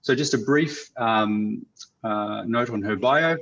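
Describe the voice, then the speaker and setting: Halting low-voiced man moderating a webinar. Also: a bit bright. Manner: measured, halting, many uh fillers. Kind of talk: online panel moderation. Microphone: video call. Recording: muffled lo-fi audio.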